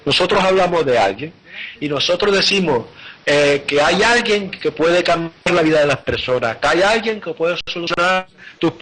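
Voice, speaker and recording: A man's voice: fairly high pitch, animated, normal speed, fairly bright tone, rough recording. A man preaching a live sermon, earnestly retelling scripture and often repeating and restarting his phrases.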